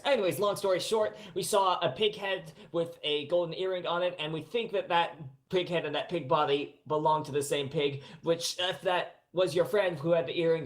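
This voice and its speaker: A man playing a tabletop game, talking casually in character in a rambling, apologetic way. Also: fairly high pitch.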